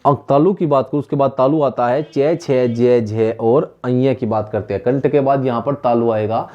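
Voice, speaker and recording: A male teacher giving a classroom lecture, sounding out syllables slowly and asking the class again and again if they follow. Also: medium pitch, muffled recording. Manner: drills sounds slowly and repeats questions to students. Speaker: Hindi teacher.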